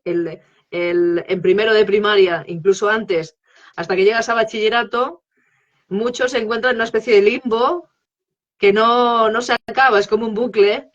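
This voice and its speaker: A woman's voice: mid-range voice, fairly even intonation, normal speed, dull audio. A woman, a guest expert on English teaching, explaining her method in a live interview and checking in often with tag questions.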